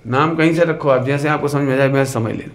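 A man giving a sermon in a lively, questioning way, who sometimes sings verse lines. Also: mid-range voice, quick pace. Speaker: religious teacher. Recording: echoey hall with some noise.

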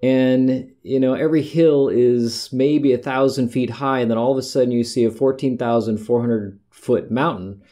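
A man's voice: mid-range voice, steady tone, normal speed, few pauses, mellow. A middle-aged American man talking casually about hiking in a rambling, conversational monologue, often correcting himself mid-sentence. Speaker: podcast host.

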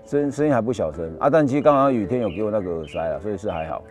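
A man's voice: lowish voice, animated, racing, darkish tone, faint music behind. A man telling a story in a casual interview chat. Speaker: reality show participant.

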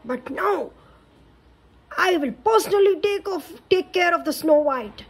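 Woman doing a shrill cruel queen. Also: animated, measured pace, heavily acted. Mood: vengeful. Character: cruel scheming stepmother queen.

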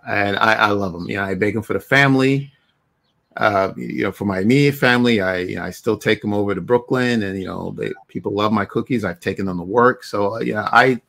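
Speaking briskly with some vocal fry, this Barbadian podcast host in middle age has a fairly low, slightly bright voice. He conducts a relaxed interview chat by video call, often saying "you know," from a room with figures on the shelves.

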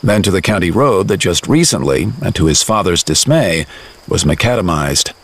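A man narrates an audio drama in a measured, reflective storytelling manner, using dramatic pauses. His low-pitched voice is animated.

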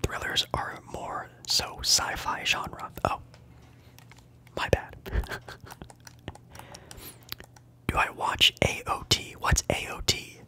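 Whispering to a live audience, a young adult ASMR streamer speaks slowly with long pauses and a bright, forceful tone. The chat is casual and rambling, full of fillers and repeated trigger words as viewers' comments get answered.

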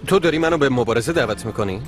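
A man's voice: mid-range voice, lively intonation, soft background music, natural voice. An actor dubbing a brusque, short-tempered young male boss in a TV drama, irritable and sarcastic. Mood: challenging. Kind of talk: dubbed TV drama acting.

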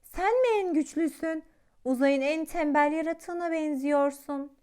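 A woman's voice: unhurried, darkish tone. A woman voicing a lazy, curious little boy dinosaur in a children's storybook, sounding surprised. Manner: high and surprised when voicing him.

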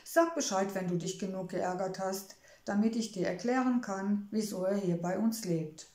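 Storybook gnome wife, read by a woman: kindly, homely, gentle, mellow tone, roomy echo. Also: medium pitch, normal speed, lightly acted. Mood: soothing. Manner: gentle, wistful, soothing. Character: kindly motherly female gnome, homebody.

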